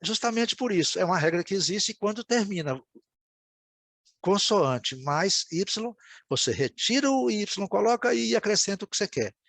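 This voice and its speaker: A man gives a recorded English lesson, explaining each word patiently and often asking his students if they follow. His voice sits a little high. The sound is close and dry, with no room echo. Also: expressive, normal speed, vocal fry, fairly bright tone. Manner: explanatory, repeats words and checks with "né, gente?". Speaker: English teacher.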